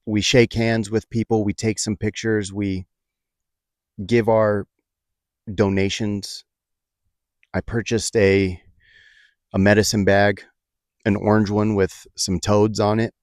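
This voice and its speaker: Low-voiced man telling a personal story. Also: little pitch movement, dry recording, clean studio sound. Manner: reflective, halting, many fillers and restarts.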